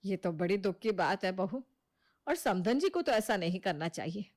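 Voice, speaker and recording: A woman's voice: mid-range voice, expressive, normal speed, a little mellow, no room sound, studio quality, close to an everyday voice. A woman voicing an older, caring but gossip-prone mother-in-law in a cartoon story. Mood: concerned.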